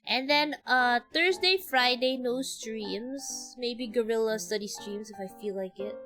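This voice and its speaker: A game streamer with a Filipino accent chats casually with her audience, rambling and often trailing off, while game music plays behind her. Her voice is a little high and her pace measured.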